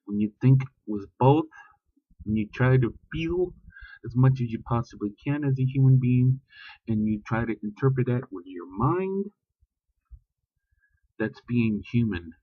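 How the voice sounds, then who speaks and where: A man's voice: medium pitch, very animated, unhurried, pauses often, no room sound, narrow, tinny audio. A man ranting bluntly and profanely in a casual vlog, talking about religion with heat. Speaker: vlogger. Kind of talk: casual spoken rant.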